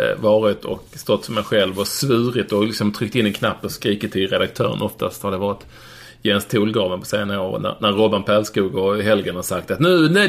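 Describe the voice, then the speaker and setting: A man co-hosting a casual podcast, bantering and arguing his points emphatically in a mock-serious way. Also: on the low side. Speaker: podcast co-host.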